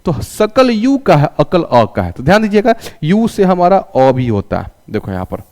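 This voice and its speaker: A man's voice: sits high, big pitch swings, moderate pace, a little mellow, in a large hall. A male teacher giving a classroom English lesson, asking questions and answering them himself and having students repeat after him. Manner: calls students "raja".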